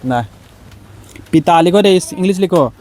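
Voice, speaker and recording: A male teacher with an animated, high-pitched voice runs a classroom lesson at normal speed, asking repeated questions that the students call back answers to. Behind him are class chatter and student replies.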